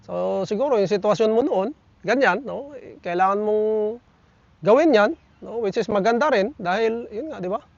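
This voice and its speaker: A chatty man with a fairly high voice reads viewer comments aloud and talks them over in a casual vlog. He keeps tossing little tag questions at his audience. The sound is dry and a bit dull, like a lo-fi outdoor recording. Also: animated, normal speed, gravelly, no room sound. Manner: chatty, peppers lines with tag questions, addresses viewers as buddies. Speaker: vlogger reading viewer comments. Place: outdoors in nature.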